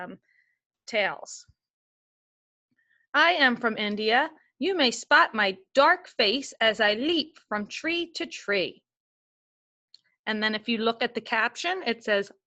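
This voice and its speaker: An elementary school teacher with a sharp, mid-range voice teaches a remote class of young children. She reads a picture book aloud and gives patient, step-by-step instructions.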